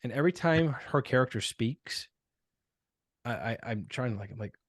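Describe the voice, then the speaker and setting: A man's voice: medium pitch, animated, moderate pace, dry recording, studio quality. A man co-hosting a casual podcast, chatty and loose, hedging with filler words. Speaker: podcast co-host.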